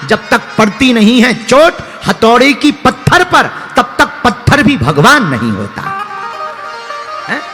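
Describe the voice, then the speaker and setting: A male preacher tells humorous stories and sings verses during a sermon, his extremely high voice swinging widely in pitch, a little slow, pushed and bright. Long hall reverb and faint music surround him.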